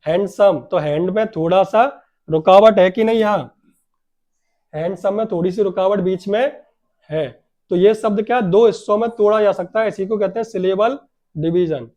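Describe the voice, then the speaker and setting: A high-voiced male teacher leads a grammar lesson. He keeps putting questions to his class and then answering them himself, stretching out key words to stress them. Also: moderate pace, a little mellow.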